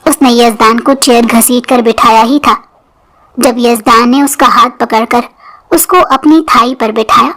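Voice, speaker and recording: High-voiced woman narrating a story. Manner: expressive, emotional reading.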